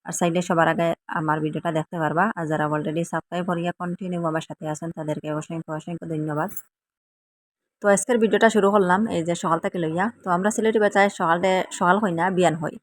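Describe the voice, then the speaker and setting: A woman's voice: fairly low pitch, fairly even intonation, fast talker. A woman from Assam with a Sylheti accent, chatting to viewers in a casual cooking vlog in a rambling, chatty way. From Assam, India. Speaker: vlogger.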